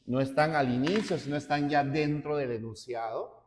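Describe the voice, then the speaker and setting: A man teaching a class, slow and deliberate, often checking in with his students. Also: fairly high pitch, a little mellow, a little hiss or hum. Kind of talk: classroom lecture. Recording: roomy hall with long reverb.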